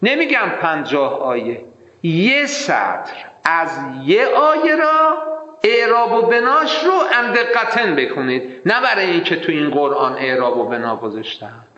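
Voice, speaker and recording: A man teaching Arabic grammar in an animated, emphatic way, mimicking his students' mistaken readings. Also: on the high side. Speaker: seminary teacher. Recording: echoey hall, slightly dull sound.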